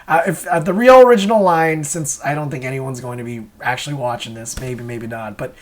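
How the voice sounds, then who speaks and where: This comic creator and host speaks briskly in a mid-range voice, giving loose, rambling commentary about his work. He's hesitant and second-guesses himself, chuckling along as he explains.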